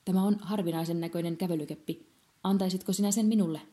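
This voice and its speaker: A woman's voice: lowish voice, fairly even intonation, mellow, lightly acted. A woman voicing a gloomy, eccentric male collector in a cloak, who talks tersely and turns things down fussily. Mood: terse, eager. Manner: terse, sighing, fussy refusals.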